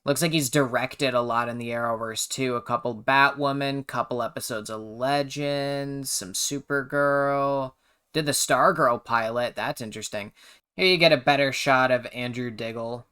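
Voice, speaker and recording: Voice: medium pitch, moderate pace, sharp tone, smooth. A host giving casual, slangy reaction commentary on a TV episode, exclamatory and self-deprecating.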